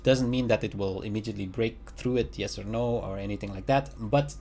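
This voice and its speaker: A crypto market analyst casually talks through market charts from home in a fairly low, dark-toned voice, with a little hiss or hum on the recording. His delivery is halting, packed with fillers and restarts, and he chuckles at his own remarks.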